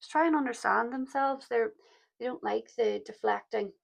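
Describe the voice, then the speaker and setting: A woman with a croaky voice giving a pick-a-card tarot reading, speaking softly and reflectively and calling her listeners "my loves". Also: fairly high pitch, moderate pace. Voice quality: gravelly. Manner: soft-spoken, reflective, addresses listeners as "my loves". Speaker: tarot reader.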